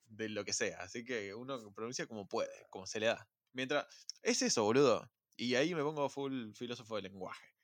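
A man with a Rioplatense accent in casual film chat, rambling and slangy, pressing his points with animated emphasis. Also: medium pitch, normal speed, no room sound, studio quality. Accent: Rioplatense Spanish. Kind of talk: casual chat about films.

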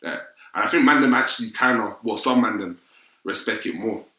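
A young man chats casually in a London roadman accent, thick with street slang. His voice sits low but has a bright, forceful edge. The room gives it an audible echo. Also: brisk. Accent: London, urban street style. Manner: London roadman slang, frequent "fam" and "innit". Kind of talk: casual opinionated chat. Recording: roomy, echoing sound.

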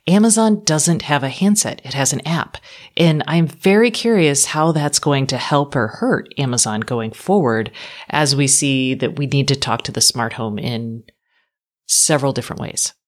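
A woman's voice: extremely low pitch, moderate pace. A woman co-hosting a tech podcast, talking frankly in casual chat with dry asides that trail off. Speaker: podcast co-host.

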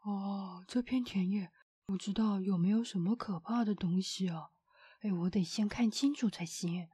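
A woman's voice: medium pitch, moderate pace, mellow, husky, no room sound, studio quality, voice pushed down, close to an everyday voice. A woman voicing a tiny, jumpy little man from a storybook who is terrified of everything, shrieking and stammering in panic. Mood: fearful whisper. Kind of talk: storybook reading.

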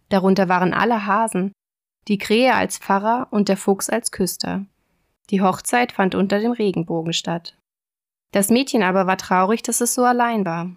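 A woman reads a fairy tale aloud in a calm, steady voice of medium pitch. Her narration is even and unhurried.

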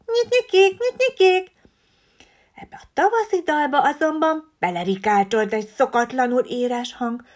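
A woman reading a children's story aloud, expressive and often dropping to a breathy hush. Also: a little high, few pauses.

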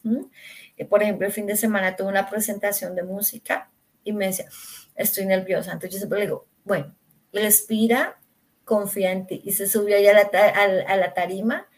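A woman's voice: mid-range voice, little pitch movement, fast. Reflective woman parenting coach. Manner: reflective, explains with everyday examples. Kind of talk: podcast interview conversation.

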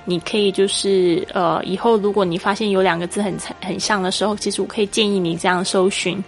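A woman teaches English in a podcast lesson, at an ordinary middle pitch. She explains with patience and slows down to spell words out letter by letter. Soft music plays faintly underneath. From Taiwan.

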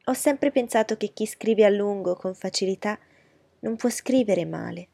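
A woman's voice: medium pitch, moderate pace, vocal fry, mellow, breathy edge, no echo. A woman reading aloud voices a young society lady who fawns eagerly and insists on her compliments. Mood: gushing.

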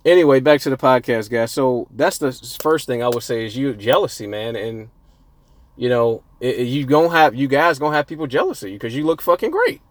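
A man's voice: mid-range voice, animated, brisk, no room sound. A young man hosting a casual solo podcast, profane and boastful, rambling and breaking off mid-thought. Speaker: podcast host. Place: outdoors near a street.

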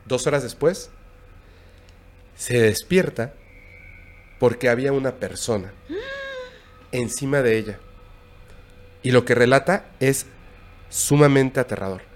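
It's a relaxed, informal chat in which a man with a medium-pitched voice and a Mexican accent narrates a terror tale. He speaks calmly and quietly, stopping and starting with plenty of pauses.

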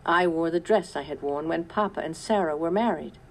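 A woman reading a children's story aloud in a measured first-person narration. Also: sits low, creaky. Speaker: audiobook narrator.

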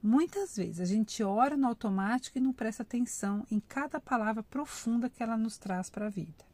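A woman's voice: on the high side, animated, a little fast, no room sound. A woman giving an informal devotional talk, chatting with her listeners and acting out heartfelt prayers. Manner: warm conversational, addresses listeners as "gente"; acts out emotional prayers. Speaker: devotional speaker.

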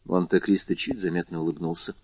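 Husky-voiced man narrating a classic novel. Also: deep voice, brisk, dry recording. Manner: expressive, varied intonation. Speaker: audiobook narrator. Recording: slightly muffled lo-fi recording.

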